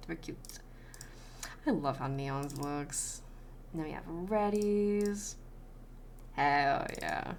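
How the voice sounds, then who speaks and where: A woman's voice: sits low, slight background noise. An Australian woman chatting casually on a live stream while she draws, greeting viewers and swearing freely.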